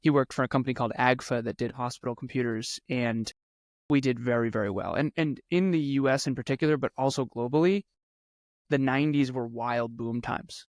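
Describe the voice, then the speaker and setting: A man's voice: mid-range voice, brisk, no room sound, studio quality. A man, telling his life story as a podcast guest in an earnest way and repeating words for emphasis. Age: 30s. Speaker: podcast guest, speaker and coach. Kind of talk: conversational interview storytelling.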